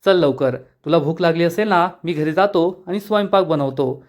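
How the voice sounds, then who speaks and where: Guy reading a soft sad young village man, kinda high voice. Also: normal speed, natural voice. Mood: resigned.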